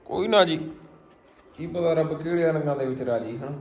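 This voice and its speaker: A man's voice: fairly high pitch, normal speed. Chatty Punjabi man hosting a vlog. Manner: chatty, joking banter with friends. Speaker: vlog host, pigeon keeper. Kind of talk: casual vlog chat.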